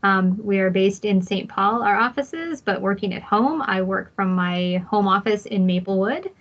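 A woman's voice: medium pitch, moderate pace. A woman speaks from her home office on a video call, light and a little self-deprecating. Her voice sits in the middle range, and the audio sounds dull and lo-fi. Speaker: housing agency staff.

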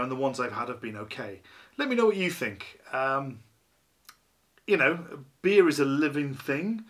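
A man's voice: mid-range voice, a bit bright. A chatty man in his fifties. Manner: chatty, rambling, self-deprecating, many ums and you-knows. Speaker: beer reviewer. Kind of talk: casual beer review to camera. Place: small living room, indoors, seated at a table.

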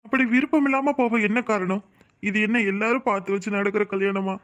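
A worried family man in a cartoon, voiced by a man, with a fairly high voice. He frets and pleads out loud to himself, sounding helpless. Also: brisk. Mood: distressed. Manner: fretful, pleading. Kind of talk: cartoon voice acting.

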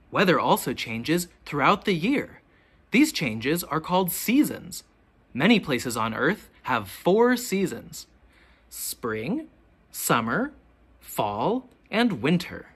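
A husky-voiced teacher reads a picture book aloud for little kids, delivering her questions expressively and deliberately.

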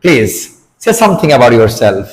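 A man's voice: medium pitch, sing-song, very slow, poor audio. A man with a Bangladeshi accent teaching English pronunciation to a student, mixing English and Bengali and playfully pretending to get things wrong. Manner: mixes English and Bengali, playfully feigns mistakes. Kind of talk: playful classroom lesson with a student.

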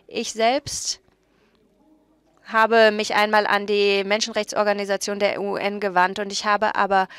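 Woman doing live interpreting for a conference panel, clean smooth voice, dry close sound, keeps fixing words mid-sentence. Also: mid-range voice, fairly bright tone, dry recording. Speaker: simultaneous interpreter. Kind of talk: simultaneous interpretation of a panel discussion.

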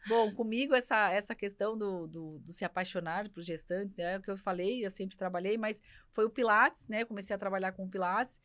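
A woman speaks as a guest on a casual podcast, animated and chatty. She talks fast, and her voice has a bright, forward tone. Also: mid-range voice. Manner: animated, talkative, repeats herself. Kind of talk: casual chat.

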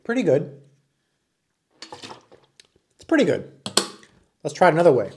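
A man's voice: fairly high pitch, wildly swooping pitch, a little slow, dark tone, a little hiss or hum. A man in his forties doing a casual, enthusiastic product review, talking while he handles and demonstrates the item indoors. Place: small indoor room with wood-panel wall.

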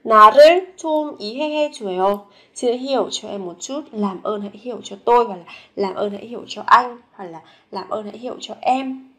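Woman teaching Korean phrases slowly. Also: a little high, a bit bright. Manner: slow, careful repetition of each phrase. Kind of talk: language lesson, repeating phrases and explaining.

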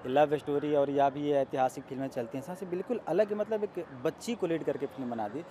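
A man giving a measured, explanatory review of a film in a street interview. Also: a little high. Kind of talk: street vox-pop interview. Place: outdoors on a city street. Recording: faint street noise outdoors.

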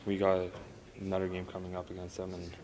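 A man's voice: sits low, completely flat delivery, quick pace, a crowd in the background, rough recording. A man in his twenties, a hockey player, answering reporters in a plain, matter-of-fact way. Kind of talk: post-game media interview.

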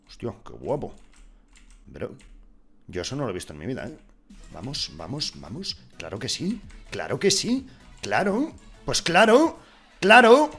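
A young man from giving casual, excitable gameplay commentary, swearing and swinging from mutters to shouts. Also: medium pitch, unhurried, pauses often, breathy edge, faint music behind. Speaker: gaming YouTuber.

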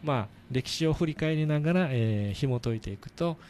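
Man explaining slowly with many fillers. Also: fairly high pitch, lively intonation, a little mellow, a little hiss or hum. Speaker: church radio show host. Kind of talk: casual explanatory radio talk.

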